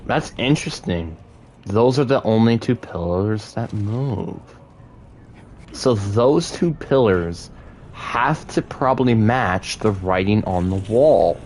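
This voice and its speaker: A man giving casual gameplay commentary, thinking aloud in a halting, puzzled way. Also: fairly low pitch, expressive, darkish tone, slight background noise. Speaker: gaming streamer.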